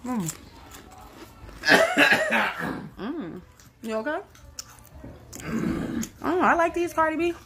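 A woman's voice: high-pitched, wildly swooping pitch, very slow, pauses often, sharp tone, slight background noise. A woman chatting casually while chewing snacks in a playful manner. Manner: playful, laughing, talks while eating. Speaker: vlogger tasting snacks. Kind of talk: casual chat.

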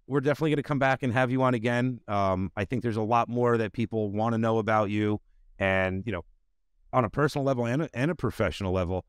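A man's voice: medium pitch, fast talker, smooth, no room sound, studio quality. A middle-aged man hosting a podcast interview over a video call, talking casually and padding his sentences with "you know". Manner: rambling, full of "you know" fillers. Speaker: podcast host. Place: home studio with bookshelves. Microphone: desk mic on video call.

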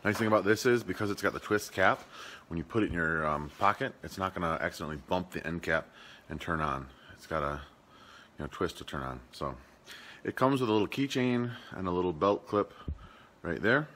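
Brisk and lively in intonation, a homestead vlogger with a Midwestern American accent chats his way through a gift list, filming himself at arm's length indoors at home and in the garage. The man, in his thirties, has a low, pushed and bright voice, and he jokes around while describing products plainly.

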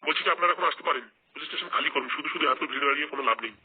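A stern police officer voiced by a man barks warnings quickly in a comic audio skit. His voice is husky and a bit high. The sound is tinny and phone-like. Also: far from the mic. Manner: brusque, threatening.

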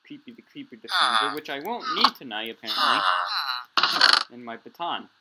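In a noisy, click-filled amateur game recording, a Minecraft roleplay player narrates in character off the cuff, explaining things to himself in fragments. His mid-range voice is animated and brisk.

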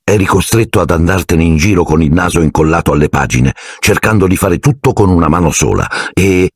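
A man's voice: sits low, brisk, no room sound, studio quality. A man voicing a nervous, cautious schoolboy wizard with an anxious, slightly raised voice. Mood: worried.

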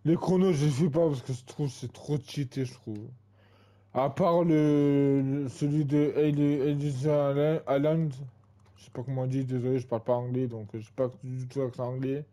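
A man's voice: medium pitch, fairly even intonation, fast talker, few pauses, dark tone. A man in his twenties giving casual gameplay commentary, rambling and full of fillers and repeated tags. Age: 20s. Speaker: gaming channel host.

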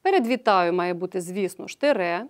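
A woman teacher giving an online grammar lesson, patiently explaining each step and often checking in with a quick "right?". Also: fairly low pitch, lively intonation.

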